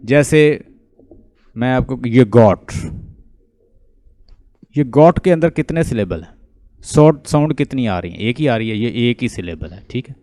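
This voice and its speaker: A man from Pakistan with a Pakistani accent, an Urdu native speaker, teaching an online English lecture, explaining and quizzing students and repeating words slowly. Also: medium pitch, dark tone. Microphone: online class call.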